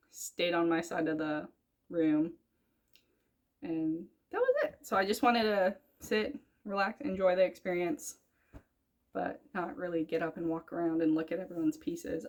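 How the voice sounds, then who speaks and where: Rambling, chatty woman with a low voice. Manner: chatty, rambling, self-correcting. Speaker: cross-stitch vlogger. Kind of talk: casual chat.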